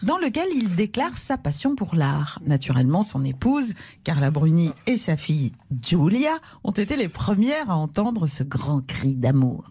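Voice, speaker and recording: A woman reading a scripted comic radio segment as sidekick, with a lively delivery. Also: on the low side, normal speed, few pauses, slightly rough.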